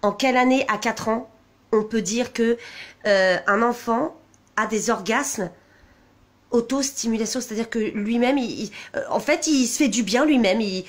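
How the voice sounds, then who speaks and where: A woman's voice: a little high, moderate pace. A woman vlogging off the cuff, reading a document aloud and commenting on it in an indignant, agitated and rambling way. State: wound up, on edge.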